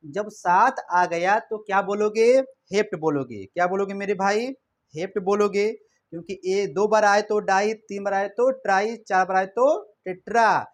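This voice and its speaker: A man teaches a chemistry lesson in a loose, conversational way. He repeats each step and keeps checking in, addressing students as brother or child. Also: high voice. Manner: repetitive, coaxing, checks in often. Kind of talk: casual classroom explanation.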